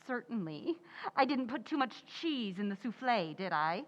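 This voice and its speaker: A woman acts out an overconfident housewife in an old-time radio comedy. Her voice is high and swoops with theatrical bluffing. The recording is muffled. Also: big pitch swings, moderate pace. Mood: breezy bluffing. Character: stubborn, overconfident housewife who cannot cook. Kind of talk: old-time radio sitcom acting, live recreation. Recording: echoey hall, dull muffled sound.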